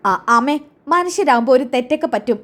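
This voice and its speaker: A whining, guilty middle-aged mother-in-law who keeps pleading and excusing herself, as a woman storyteller acts her out. Her voice is high and stretched. She is a figure in a storybook family drama. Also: expressive, brisk.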